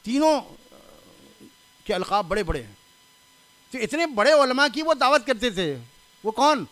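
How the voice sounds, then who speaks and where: An older man delivers a sermon in a chatty, storytelling way. His voice sits high for a man and sounds smooth and resonant. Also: very animated, a bit bright, no echo. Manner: conversational, anecdotal, stresses correct pronunciation; laughs at his own anecdotes. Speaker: religious scholar giving a reform talk.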